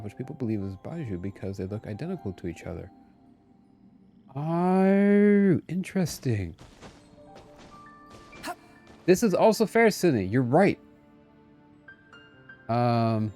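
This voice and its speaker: A man streams a game with music playing behind him, chatting casually and playfully with viewers and often exclaiming. His voice is mid-range and mellow.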